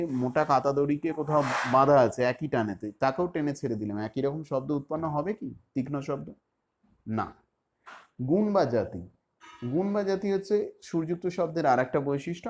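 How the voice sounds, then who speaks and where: A male school teacher with a West Bengal Bengali accent who teaches physics step by step. He asks his own questions and answers them. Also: medium pitch. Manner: explains step by step with everyday examples. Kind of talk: recorded classroom lesson.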